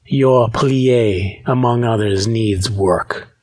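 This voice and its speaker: A man voicing a stern, commanding male dance instructor in an audiobook, speaking in a flat, unaffected tone. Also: on the low side, extremely slow, husky, no echo, studio quality, full character voice.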